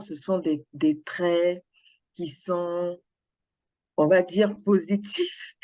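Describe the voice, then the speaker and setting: A woman giving a prepared speech to a club, speaking in a measured, deliberate way. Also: on the low side, darkish tone.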